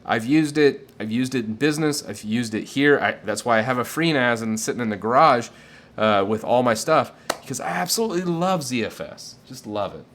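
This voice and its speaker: A man's voice: medium pitch, expressive, a little fast, fairly bright tone, slight background noise. A man casually answering viewer questions on a live tech stream, enthusiastic and rambling with fillers.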